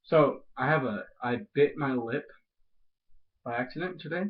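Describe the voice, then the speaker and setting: A man's voice: mid-range voice, normal speed. A man chatting casually as a guest on a review video, talking with a lip full of dip. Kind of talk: casual chat. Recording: dull lo-fi home video audio.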